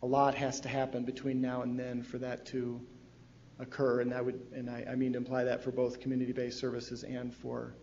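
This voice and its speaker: A man's voice: mid-range voice, completely flat delivery, fairly quick, a little mellow. A man presenting a policy timeline at a public meeting, explaining steadily with frequent fillers. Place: meeting room. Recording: dull, faintly noisy, long hall reverb.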